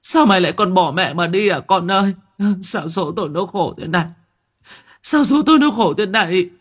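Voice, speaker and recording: A man's voice: high-pitched, animated, normal speed, fairly bright tone, husky, voice pushed up, full character voice. A man voicing a village mother wailing over her dead son in an audiobook. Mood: wailing grief. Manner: wailing, sobbing lament.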